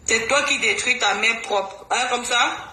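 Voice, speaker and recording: Scolding woman, high voice. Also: unhurried, a little hiss or hum. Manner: scolding, repetitive, mocking. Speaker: live-stream clash participant. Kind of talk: heated live-stream argument. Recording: echoey room with loud music.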